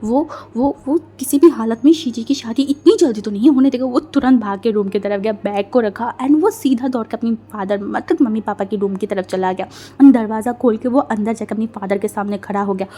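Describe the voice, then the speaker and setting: A woman's voice: on the high side, a little fast, hardly any pauses, warm tone. A woman narrating fan fiction in a casual, conversational way, with frequent restarts. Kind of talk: casual storytelling.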